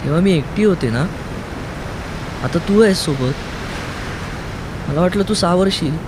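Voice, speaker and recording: A fearful, teasing young woman pleads and calls out from a small boat at sea, as a male reader puts her on. Her voice sits well above the reader's own. Loud waves wash behind her. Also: high voice, animated, unhurried, background noise, pitched above the performer's own voice. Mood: anxious. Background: ocean waves sound effects.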